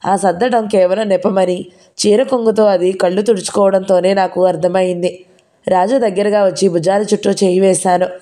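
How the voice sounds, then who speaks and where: Mellow-voiced woman narrating a novel. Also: mid-range voice, moderate pace. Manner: steady storytelling. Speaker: audiobook narrator. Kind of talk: first-person novel narration.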